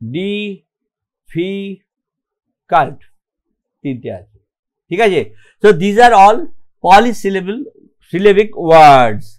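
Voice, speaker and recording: A man's voice: high voice, big pitch swings, extremely slow, long pauses, a little mellow. A man with a Bengali accent teaching a grammar lesson, explaining step by step and often checking with "okay?". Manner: mixes English terms into his explanations.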